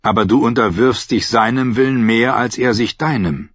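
A man voicing a solemn, wise boy seer who speaks in a grave, measured way. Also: medium pitch, a bit bright, no room sound, lightly acted. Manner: measured, grave, slow speech. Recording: slightly dull dry recording.

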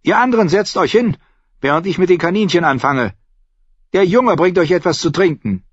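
A male reader voicing a huge, ugly, bossy innkeeper woman who scolds and shouts in a shrill voice. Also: expressive, normal speed, dry recording, muffled recording.

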